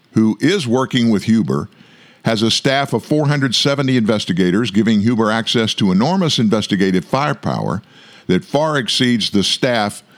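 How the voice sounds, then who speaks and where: An online political news commentator of medium pitch hosts his show with emphasis. He drags out stressed syllables and makes side comments to the people listening.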